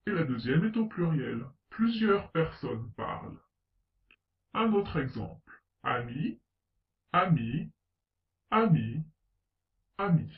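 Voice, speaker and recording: Slow, deliberate male teacher in a roomy echo. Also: fairly high pitch. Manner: slow, deliberate, spelling out letters and example words. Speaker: French pronunciation teacher. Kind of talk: scripted lesson narration. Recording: roomy, distant, slightly dull sound.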